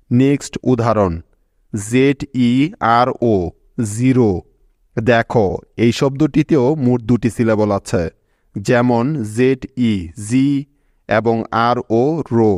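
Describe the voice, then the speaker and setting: A man's voice: medium pitch, darkish tone, no room sound, studio quality. A man teaching English spelling rules to pupils, patiently repeating each step and stopping to check they understood. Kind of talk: scripted teaching narration.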